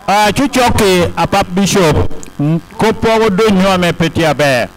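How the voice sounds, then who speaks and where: Male interpreter, high-pitched voice, podium speech delivery, short relayed phrases. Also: lively intonation, a little slow, rough recording. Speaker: consecutive interpreter at a ceremony.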